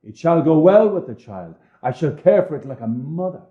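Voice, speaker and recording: A dreaded storybook witch of great power, as a man puts her on, hissing her threats low and close, then bellowing high and shrill up to the tower window. Her voice swings widely between whisper and shriek. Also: sing-song, normal speed, roomy sound, lo-fi sound. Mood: stern bargaining. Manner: hissing, threatening whisper when angry, shrill loud calling. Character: menacing old female witch of great might.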